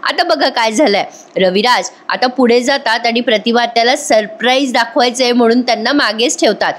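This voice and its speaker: A woman's voice: fairly high pitch, moderate pace. A woman giving a casual voice-over review of a TV episode, chatty and often telling listeners to look. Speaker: serial review narrator. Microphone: voice-over recorded separately.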